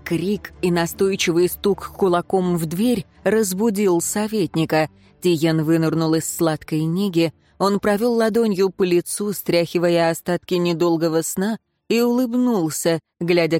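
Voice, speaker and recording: A woman narrating a fantasy audiobook in a measured, even reading voice. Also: lowish voice, no echo, faint music behind. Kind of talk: scripted narration.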